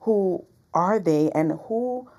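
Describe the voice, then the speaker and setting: A woman's voice: fairly low pitch, expressive, slow, mellow. A woman with an American accent presenting the news as a co-anchor. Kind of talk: scripted news reading.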